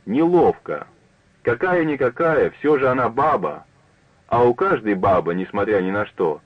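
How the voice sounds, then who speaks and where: A man narrating a literary story for radio in a measured, unhurried manner. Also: mid-range voice, no room sound. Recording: narrow phone-like dry broadcast.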